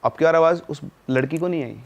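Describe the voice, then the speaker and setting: A man's voice: fairly high pitch, fast. A man narrating a spooky story in a conversational podcast style, with dramatic asides to the listener. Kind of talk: casual spoken horror storytelling.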